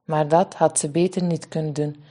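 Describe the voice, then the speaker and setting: A woman's voice: deep voice, moderate pace. Woman reading a children's story. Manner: lively, expressive reading.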